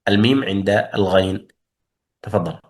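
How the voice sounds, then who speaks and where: A man's voice: deep voice, normal speed. A man teaching tajweed in a classroom lesson, explaining methodically and posing and answering his own questions.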